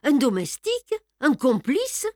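A woman voicing an excitable young male investigator in an audiobook, asking urgent, agitated questions. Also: sits high, unhurried, no room sound, studio quality, pitched above the performer's own voice, heavily acted. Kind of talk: audiobook character reading.

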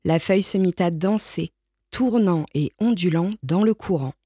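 A woman reading a children's picture book aloud in a gentle, expressive way. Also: fairly low pitch, normal speed, husky, dry recording. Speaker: storyteller. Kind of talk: children's storybook read-aloud.

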